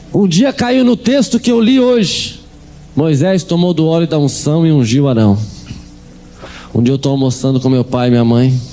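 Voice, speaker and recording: A man's voice: a little high, a little hiss or hum. A man giving a humorous testimony in church, telling a story with energy and acting out the voices of the people in it. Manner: animated storyteller, acting out quoted dialogue.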